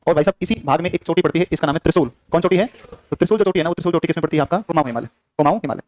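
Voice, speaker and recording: A young man with a sore throat teaches an exam-prep geography class, rapidly drilling facts by firing repeated quiz questions at students. His voice is on the high side and a little mellow, in a dry recording.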